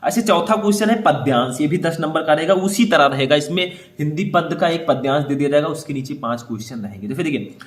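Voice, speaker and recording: A man teaching how to write board exam answers. He explains step by step, checks in often with short confirmations, and reads passages aloud slowly. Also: on the high side, lively intonation, reverberant. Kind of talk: board exam writing lesson.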